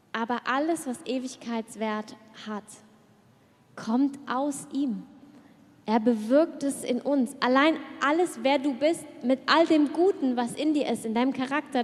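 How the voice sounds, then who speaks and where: A woman pastor preaching an earnest sermon, dropping to a hush at prayerful moments. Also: high voice. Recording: long reverb of a church hall.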